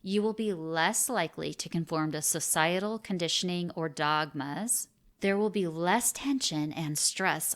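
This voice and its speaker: A woman presenting a spiritual self-help lesson in a deliberate, earnest manner, stressing key phrases as a teacher would. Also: lowish voice, fairly bright tone.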